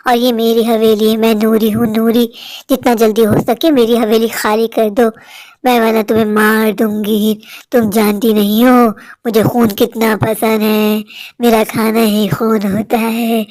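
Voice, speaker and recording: Cartoon villain: a deep-voiced haunting ghost woman, slow, gloating menace. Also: vocal fry, darkish tone, no echo. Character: menacing female ghost of a haunted mansion, bloodthirsty.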